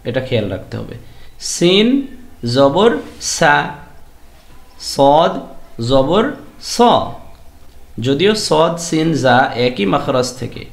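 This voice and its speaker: A man teaching Quran pronunciation, drilling Arabic letters one by one in a slow, deliberate way with a Bangladeshi Bengali accent. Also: fairly high pitch, gravelly, reverberant.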